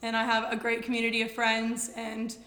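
A woman in her early twenties with an American accent and a husky voice, chatting casually and slangily as a podcast co-host. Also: on the high side, completely flat delivery, fairly quick, sharp tone. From Texas, United States. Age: early 20s. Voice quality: husky from vocal nodules. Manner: bubbly, slangy, informal. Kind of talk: casual chat. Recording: roomy, echoing room sound.

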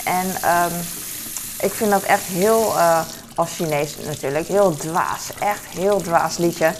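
A mother in her forties with a Hong Kong Cantonese accent chats casually while doing household chores, rambling and using lots of fillers. Her voice is on the low side and slow, with slight background noise.

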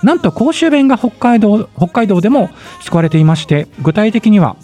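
High, lively radio host from Yamanashi. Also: male voice, normal speed, faint music behind. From Yamanashi, Japan. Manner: lively, chatty, frequent fillers. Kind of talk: casual radio chat, reading listener mail.

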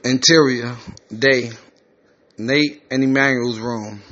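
A man's voice: medium pitch, fairly even intonation, slow, fairly bright tone, lo-fi sound. A man reading a screenplay aloud, including its stage directions. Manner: plain, reads stage directions.

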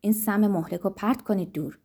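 A woman reading an audiobook, voicing an earnest, defiant young man from outside society whose speech is loud and ringing. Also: mid-range voice, slightly rough. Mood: impassioned.

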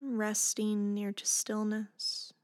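Speaking at medium pitch in a monotone, a woman leads a guided meditation. Her instructions are gentle and slow, her voice soft and breathy, and she lets her phrases drop nearly to a whisper.

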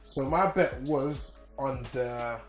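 A man's voice: medium pitch, slow pace, echoey room, faint music behind. A man with an urban London roadman accent, bantering casually and peppering his talk with slang as a sports presenter. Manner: slangy, ends phrases with bro and fam.

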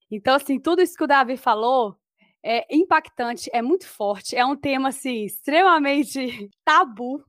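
Woman hosting a podcast, highish voice, dry close sound, sincere and heartfelt. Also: a bit bright, no room sound. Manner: affirming and heartfelt. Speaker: podcast host. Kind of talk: podcast talk.

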